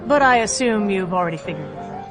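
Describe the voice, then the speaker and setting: A woman's voice: medium pitch, lively intonation, fast talker, music in the background, lightly acted. Actress as a flirty, self-assured female agent. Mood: flirtatious. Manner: playful, teasing. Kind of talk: audio drama dialogue.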